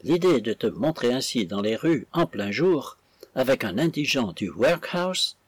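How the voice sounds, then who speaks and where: A man's voice: medium pitch, very animated, measured pace, breathy edge, no room sound. A man voicing a proud, indignant young woman who scolds her sister with haughty scorn.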